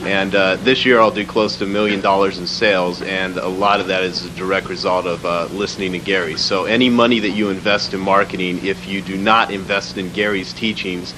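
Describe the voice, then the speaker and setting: Low flat-voiced man giving a testimonial. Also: fairly quick, hardly any pauses. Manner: earnest and plainspoken, with many fillers. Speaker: business owner giving a testimonial. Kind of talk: spoken testimonial. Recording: hissy background noise.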